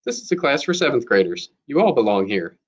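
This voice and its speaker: A man's voice: mid-range voice, very animated, fairly quick, slightly rough. A man reading as a stern math teacher. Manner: firm, warning. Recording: dull lo-fi recording.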